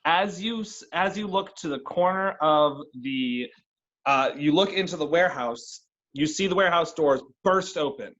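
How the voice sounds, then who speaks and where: A man runs a tabletop game as its narrator, his voice sitting a little high. He talks casually and restarts his phrases as he goes. The recording sounds dull and lo-fi. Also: moderate pace, fairly bright tone. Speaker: dungeon master.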